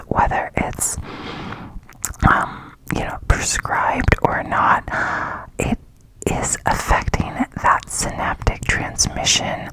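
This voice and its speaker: An ASMR host speaks in a breathy, cupped whisper close to the mic, explaining things in an informal, unscripted ramble. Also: a bit bright, rough recording. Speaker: ASMR host introducing an educational series.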